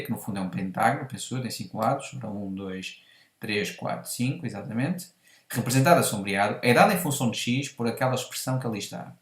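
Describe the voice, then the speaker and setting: In a whiteboard math lesson, a teacher with a European Portuguese accent works through an exercise step by step, methodically correcting himself along the way. His voice is medium-pitched, and the room is echoey.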